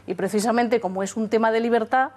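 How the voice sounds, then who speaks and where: A woman's voice: on the high side, steady tone, fast, a little mellow. A woman in her fifties, a spokeswoman answering emphatically in a studio interview. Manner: emphatic, repeats key phrases. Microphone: lapel.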